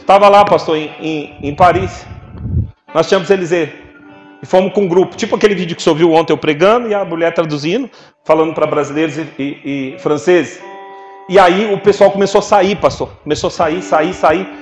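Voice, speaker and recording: A man's voice: fairly high pitch, a little fast, soft background music. A man preaching a sermon, telling stories with humor and calling on the congregation to respond. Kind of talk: sermon with storytelling. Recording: echoey church hall.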